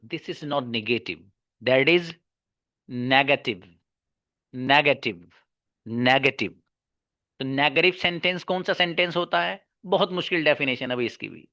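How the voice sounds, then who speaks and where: Brisk, bright-voiced grammar teacher. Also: male voice, fairly high pitch, no room sound, studio quality. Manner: repeats key words slowly and drills them, asks and answers his own questions; playful mock-serious asides. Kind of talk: classroom lecture.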